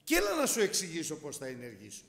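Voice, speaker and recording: A preacher speaking as God, fatherly male deity, patient, reassuring, high and lively voice, long church reverb. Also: gravelly, exaggerated voice. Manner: reassuring, repetitive declarations.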